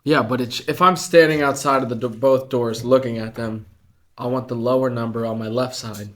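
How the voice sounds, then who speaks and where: A man's voice: mid-range voice, steady tone, moderate pace, fairly bright tone. A man with a mid-range voice bantering in a playful way, dropping "bro" and "dude" as he makes a half-joking case for his point. His tone stays easygoing and chatty. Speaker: student ministry podcast co-host. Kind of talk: casual chat.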